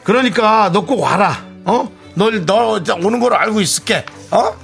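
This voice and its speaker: A man playing a brash, self-centered friend in a radio skit, loud and overbearing. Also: lively intonation, a little slow, vocal fry, faint music behind, heavily acted. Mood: pushy, scolding. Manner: loud, overbearing, with sudden swoops of pitch. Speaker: radio co-host.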